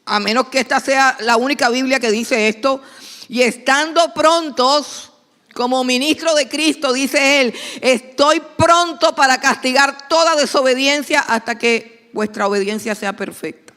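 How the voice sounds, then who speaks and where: A woman's voice: high voice, a little slow, fairly bright tone, big-room sound. A woman pastor, preaching a sermon emphatically and repeating key phrases for stress.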